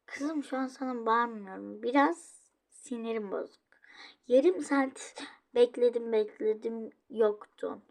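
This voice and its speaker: A woman's voice: a little high, takes it slowly, creaky. A woman voicing a tired, fussy mother who complains and scolds her daughter. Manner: complaining, exasperated.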